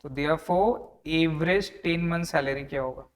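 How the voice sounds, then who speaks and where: A young man teaches an online class, and his voice sits a little high. He talks conversationally, repeating each figure and calling his students "sir" as he walks through the working. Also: measured pace. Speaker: tax tutor.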